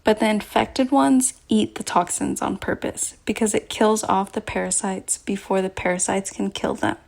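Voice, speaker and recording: A woman's voice: mid-range voice, fairly even intonation, normal speed, vocal fry. A woman presenting scripted educational narration, explaining things directly to the listener.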